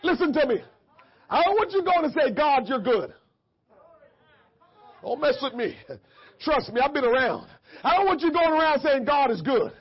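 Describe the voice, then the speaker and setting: A man preaching a fervent sermon, impassioned, often shouting and calling out to the congregation. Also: very high-pitched, lively intonation, normal speed, long pauses. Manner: impassioned, shouting, call-and-response. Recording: dull lo-fi church recording.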